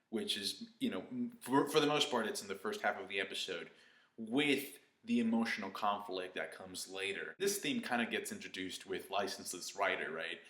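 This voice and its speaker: A man giving live reaction commentary on an anime episode, exclaiming and cheering at the screen, then reviewing more calmly. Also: low-pitched. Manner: calmer reflective review toward the end.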